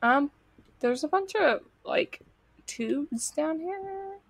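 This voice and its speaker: High-voiced young woman streaming a horror game. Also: expressive, slow, vocal fry, no room sound. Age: young adult. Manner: reactive, giggly. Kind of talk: casual co-op horror game commentary. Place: small indoor room at home, streaming setup. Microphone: microphone on a boom arm, close.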